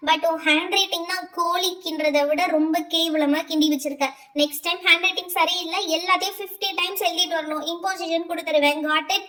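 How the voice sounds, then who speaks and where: A woman's voice: very high voice, fairly even intonation, fairly quick, hardly any pauses, bright, forceful tone. A woman voicing a strict schoolteacher who checks homework and scolds her pupils with exasperated lectures in a doll pretend-play story. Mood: scolding. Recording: roomy, distant-mic home recording.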